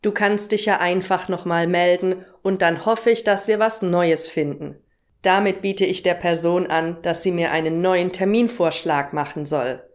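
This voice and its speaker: A young woman teaching German, explaining everyday phrases and their pronunciation with example sentences. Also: fairly low pitch. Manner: slow, clear explanatory delivery with example phrases.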